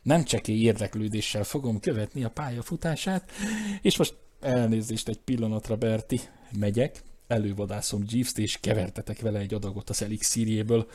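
Lower-voiced man reading a comic story. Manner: lively, shifts pitch for quoted characters. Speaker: audiobook narrator. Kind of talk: storytelling narration with character voices.

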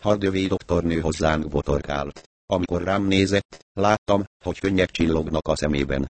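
A man reading a novel aloud as an audiobook narrator, with a calm, even storytelling manner. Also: sits low, no room sound. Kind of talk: scripted narration.

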